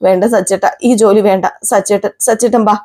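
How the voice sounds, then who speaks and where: Woman playing a young wife, tearful, pleading, mellow, soft warm tone. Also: mid-range voice, steady tone, a little fast, natural voice. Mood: distraught. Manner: pleading, emotional appeals.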